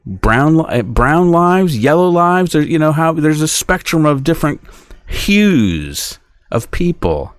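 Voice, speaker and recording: A man's voice: fairly high pitch, sing-song, takes it slowly, dry recording. A man hosting a podcast, talking in a rambling, indignant monologue and acting out imagined back-and-forth dialogues. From United States. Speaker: podcast host. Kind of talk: casual monologue.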